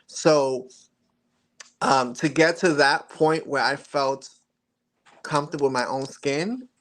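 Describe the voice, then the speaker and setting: This forties-aged model, a guest in a casual interview, has a mid-range voice with a fairly bright tone and speaks slowly. He reflects earnestly on his journey, now and then laughing or restarting a sentence.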